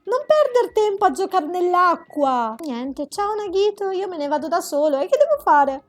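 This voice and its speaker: Woman, let's play commentary, very high voice, dramatic and exclamatory, faint music behind. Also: sing-song, moderate pace. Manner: dramatic, exclamatory, ranting at characters. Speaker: gameplay commentator. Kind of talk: let's play commentary reading dialogue aloud.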